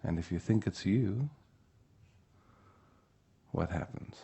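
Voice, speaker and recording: A man giving an unhurried spiritual teaching talk at a retreat. He often checks in with the room by asking "yeah?". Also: low-pitched, dark tone, breathy edge.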